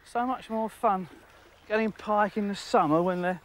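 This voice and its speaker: A middle-aged man giving outdoor fishing commentary from a lakeside jetty, excitable, laughing often and talking to the fish. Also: sits high, normal speed. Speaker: angling presenter.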